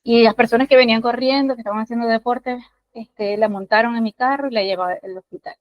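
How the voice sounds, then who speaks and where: A Venezuelan woman with a fairly high voice tells a personal testimony, earnest and halting, full of restarts and little fillers. The sound is dull and muffled, close and dry with no room around it. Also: steady tone, no room sound. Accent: Venezuelan (Maracaibo). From Maracaibo, Venezuela. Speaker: student sharing in class.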